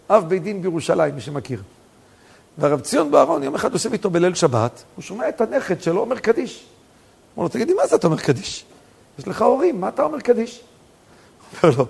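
A male rabbi preaching a sermon full of stories, telling them with animation and rising to near-shouts for emphasis. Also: high voice, gravelly, husky.

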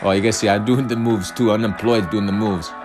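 A man casually rambling through a reaction video, with frequent restarts and sudden loud bursts. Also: lowish voice, fairly even intonation, brisk. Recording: music playing loudly under the voice.

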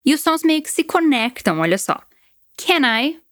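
A woman's voice: sits high, big pitch swings, fairly quick, no room sound, clean studio sound. A woman from Brazil giving a chatty, encouraging English lesson and explaining the words. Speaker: English teacher. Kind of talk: language lesson.

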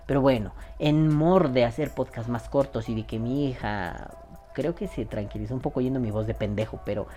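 A man's voice: medium pitch, normal speed, mellow, soft background music. A man with a Mexican accent hosting a podcast, with crude, joking, slang-filled banter and a voice kept down. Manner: keeping his voice down. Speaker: podcast host. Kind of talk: casual podcast chat.

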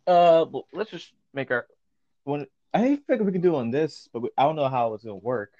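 A man's voice: on the high side, animated, fairly quick, warm tone. A young man hosting a casual podcast, hesitant and full of fillers. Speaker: podcast host. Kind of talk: casual chat. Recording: dull lo-fi home recording.

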